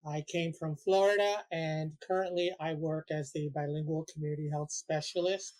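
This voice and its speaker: A man from Puerto Rico speaks in an earnest, measured way as a guest, describing the support group he runs. His voice sits a little high. His pitch barely moves. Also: fairly even intonation, a little mellow. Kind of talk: interview answers.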